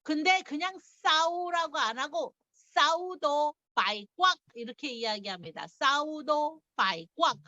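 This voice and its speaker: Middle-aged female teacher, bright and animated, chatty lesson delivery, dry close recording. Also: high voice, measured pace, dry recording, muffled recording. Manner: chatty, laughs often, explains step by step. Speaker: language teacher. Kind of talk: casual online language lesson.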